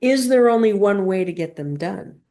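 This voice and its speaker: A woman with a mid-range, expressive voice and warm tone leads spiritual teaching, choosing her words deliberately in halting bits, leaning on emphatic pauses and guiding questions.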